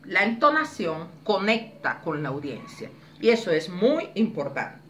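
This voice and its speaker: A woman leading a public speaking workshop, explaining exercises clearly and demonstrating intonation with lively expression. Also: fairly low pitch, a little slow, slight background noise. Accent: Spanish. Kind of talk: teaching a workshop. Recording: echoey room, voice from a distance.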